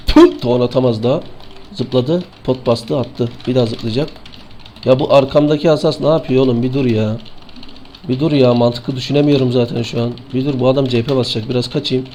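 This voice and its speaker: A man with a Turkish accent streaming an online game, sleepy and excitable, swearing and taunting opponents as he plays. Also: mid-range voice, brisk, slight background noise. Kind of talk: live gameplay commentary.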